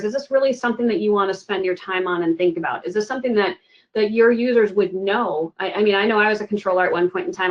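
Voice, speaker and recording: Lady doing a work webinar, chatty, lots of um and you know, kinda muffled sound. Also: medium pitch. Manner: conversational, fillers like "you know" and "um". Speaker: webinar presenter. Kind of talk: webinar presentation.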